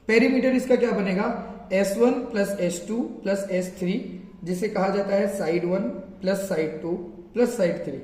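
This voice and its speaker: A man teaching a maths lesson, repeating terms slowly to drill pronunciation. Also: high-pitched, a little mellow. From India. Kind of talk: classroom lesson explaining formulas. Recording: echoey room with long reverb.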